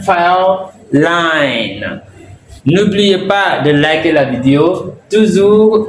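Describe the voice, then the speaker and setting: A man teaches pronunciation at a very slow, deliberate pace, repeating each example word. He sounds set back from the mic in a reverberant room. A faint hiss of ambience sits behind him. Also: on the high side. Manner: slow, drilling words one by one with repetition. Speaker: English teacher. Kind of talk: bilingual pronunciation lesson. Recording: echoey room, mic at a distance, faint background noise.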